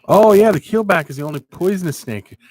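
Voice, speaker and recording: A man's voice: sits high, lively intonation, a little fast, darkish tone, no room sound. A man casually hosting a live stream, rambling and chatting with viewers by name.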